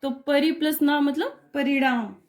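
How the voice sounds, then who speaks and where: Woman teacher, high voice, slow and patient, keeps asking if it's clear. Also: fairly even intonation. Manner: patient, repeats checks like "clear?" and "okay". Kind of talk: Hindi grammar lesson for exam students.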